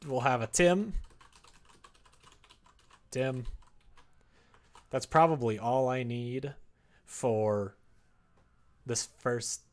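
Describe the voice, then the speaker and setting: Extremely slow and pausing often, this man's mid-range voice comes from his computer desk indoors, where he develops a game on a live stream. He chats casually as he works, muttering to himself in between answering chat.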